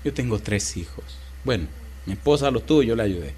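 A male pastor delivering an impassioned sermon in a mid-range voice. He shifts between loud, emphatic declarations and quiet, intimate storytelling. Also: mid-range voice, lively intonation, a little fast, a little hiss or hum.

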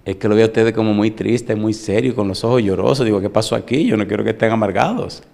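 A man's voice: on the low side, quick pace, gravelly, a little mellow, a little hiss or hum. A middle-aged man preaching a sermon as pastor. He talks conversationally and keeps asking the congregation rhetorical questions.

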